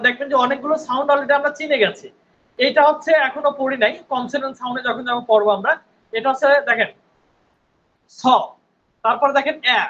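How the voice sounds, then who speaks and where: A man's voice: very high-pitched, a bit bright, muffled recording. A male English teacher giving an online spoken English class, patiently repeating words and often checking in with his students.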